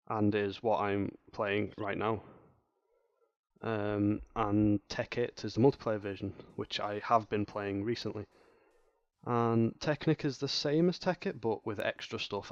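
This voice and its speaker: A lower-pitched man talks through a game tutorial in a loose, rambling way, stumbling over restarts and fillers. His voice is dry and a little dull, like a lo-fi home mic, with faint music underneath. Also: no room sound. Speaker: gaming channel host. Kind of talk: casual gameplay tutorial commentary.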